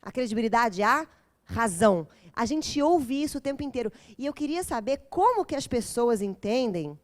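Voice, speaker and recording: A woman giving an intense, dramatic talk at a parents' course, quizzing her audience as she goes. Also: a little high. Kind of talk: lecture to a live group.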